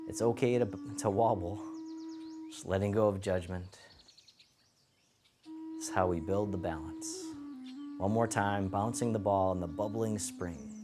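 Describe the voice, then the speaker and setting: A man teaching tai chi, cueing each movement step by step in a gentle, encouraging, unhurried way. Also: fairly low pitch. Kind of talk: guided movement lesson, calm step-by-step cueing. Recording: music playing behind the voice. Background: music.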